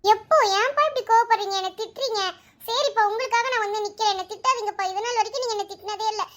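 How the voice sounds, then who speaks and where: A woman voicing a stubborn young daughter in her twenties in a cartoon, talking in a rapid, squeaky, pleading way. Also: fairly bright tone. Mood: protesting. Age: 20s. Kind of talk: cartoon voice acting.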